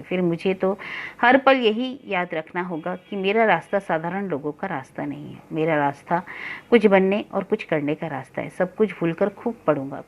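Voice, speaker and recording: Brief: female narrator, calm even-paced reading of a novel for a study channel. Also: on the low side, lo-fi sound. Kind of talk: reading a Hindi novel aloud for students.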